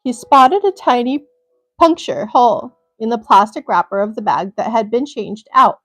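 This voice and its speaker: Brief: young woman, slightly high voice, livestream host, reads a crime article steadily and breaks off with blunt asides. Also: moderate pace, fairly bright tone. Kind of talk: reading aloud with personal asides.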